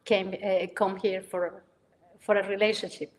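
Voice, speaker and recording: A woman's voice: medium pitch, flat delivery, unhurried, a little hiss or hum. A woman from Colombia, answering interview questions hesitantly, with many uhs and small grammar slips. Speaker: guest photographer.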